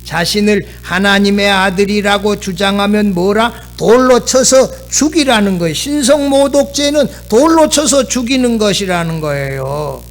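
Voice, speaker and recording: A middle-aged man, preaching a sermon as pastor in an animated way, acting out quoted lines. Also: high-pitched, moderate pace, few pauses.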